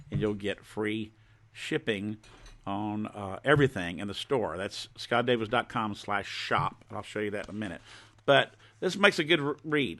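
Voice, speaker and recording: A man talking like a folksy home shopping host on a live stream, informally showing and pitching his own products. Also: fairly bright tone. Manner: folksy, informal show-and-tell.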